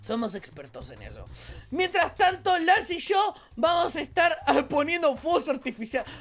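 A woman with a Rioplatense Spanish accent hosting a Let's Play, with excitable, playful, exclamatory commentary. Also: sits high, normal speed, soft background music. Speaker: gaming channel host.

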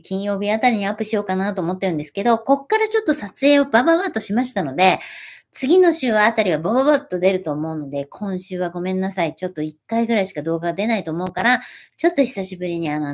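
Lively woman chatting on a livestream. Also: medium pitch, quick pace. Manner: reads viewer comments aloud and answers them chattily; animated, friendly, self-deprecating. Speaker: livestream host. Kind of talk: casual livestream chat.

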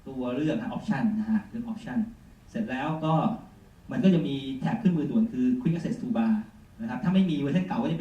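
A male teacher giving a chatty software demonstration lesson, full of polite particles. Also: mid-range voice, muffled recording. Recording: echoey room, mic far off, faint noise.

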